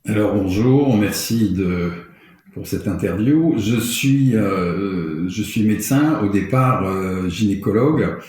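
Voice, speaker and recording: A low-voiced man from France, speaking as a doctor in a podcast interview. He explains at length, pausing on fillers and restarting his phrases. His mellow voice rings out in a very echoey room. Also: a little hiss or hum. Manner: hesitant, many fillers and restarts.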